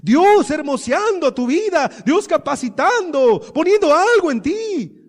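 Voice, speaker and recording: A man preaching a sermon, moving between quiet, hushed teaching and loud, impassioned passages full of repeated rhetorical questions. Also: extremely high pitch, sing-song, measured pace, in a large hall. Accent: Colombian Spanish.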